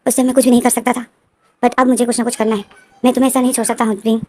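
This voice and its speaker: A woman doing a calm reassuring male friend. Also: on the high side, very fast, slight background noise, lightly acted. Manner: soothing, instructive.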